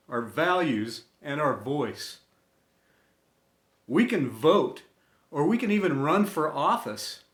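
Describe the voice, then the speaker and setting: In an echoey room, a man reads a scripted inspirational tribute as storyteller and host of an inspirational series. He speaks slowly and earnestly, deliberately delivering phrase by phrase with pauses, in a fairly high, fairly bright voice.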